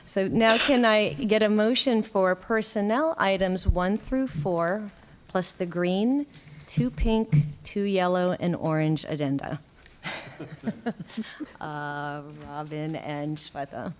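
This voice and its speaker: A woman chairing a school board meeting, calling for motions and questions in a brisk procedural way. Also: fairly low pitch, slight background noise.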